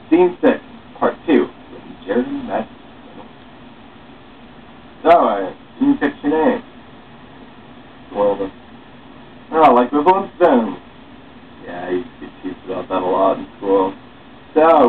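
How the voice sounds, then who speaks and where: Sitting in a small room at home, a young man reads his own script dramatically, taking on every role in the dialogue himself. His voice is mid-range. Picked up by a far camera or webcam microphone, the recording is tinny, muffled, distant and noisy, like a phone.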